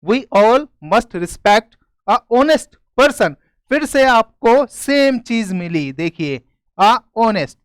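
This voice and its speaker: Male tutor, high clear voice, dry close mic, explains slowly and checks understanding. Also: a bit bright, dry recording. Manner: explains step by step, often asks "clear?". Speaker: grammar teacher. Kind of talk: classroom-style video lesson.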